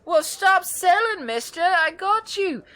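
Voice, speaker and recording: Man playing a brash, high, loud tavern woman, bouncy and bossy. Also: lively intonation, slow, heavily acted. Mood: excited, rowdy. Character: wiry excitable bawdy red-haired tavern woman.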